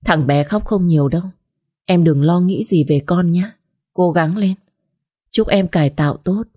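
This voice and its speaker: A woman's voice: on the low side, normal speed, mellow, husky. A woman voicing a young man's letter, earnest and encouraging. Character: young man writing a loving letter.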